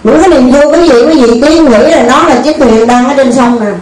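A woman speaks in a fairly high voice, teaching through a folk tale. She talks homely and loose, often restarting her phrases. She sounds far from the mic in a roomy space, with faint ambience behind her. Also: fast talker, darkish tone, a little hiss or hum. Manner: homely and conversational, with frequent restarts. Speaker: storyteller and teacher.

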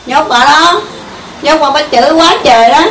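In an echoey room with a distant mic and a faint hiss, a woman gives an informal Buddhist meditation talk to a group. Her high-pitched, slightly bright voice moves at a normal speed and carries a Southern Vietnamese accent. She stays conversational, often asking her listeners questions.

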